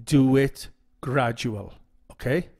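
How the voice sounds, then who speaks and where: A YouTube educator on OCD talks casually to the camera, teaching as he goes, with a mid-range, somewhat dark male voice and a slow pace. He tends to repeat phrases and often checks in by asking "okay?"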